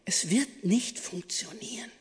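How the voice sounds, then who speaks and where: A preacher giving a devotional sermon, playful, swinging between excited exclaims and hushed, soft asides. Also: medium pitch, a little slow, long reverb tail.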